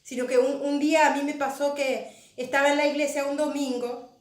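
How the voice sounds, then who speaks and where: A woman's voice: high-pitched, little pitch movement, a little fast. A woman pastor giving an emotional testimony sermon, often repeating phrases for emphasis. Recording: echoey room.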